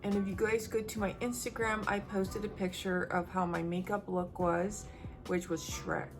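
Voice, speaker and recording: A woman's voice: medium pitch, level tone, normal speed, over music. A woman beauty vlogger chatting upbeat to her viewers at home as she reviews makeup. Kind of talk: casual makeup review to camera.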